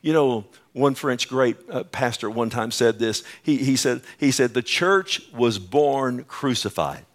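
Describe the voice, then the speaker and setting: A man's voice: mid-range voice, expressive, a little slow, few pauses. Man preaching at a pulpit microphone. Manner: emphatic preaching, asks the congregation questions. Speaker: pastor. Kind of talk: sermon.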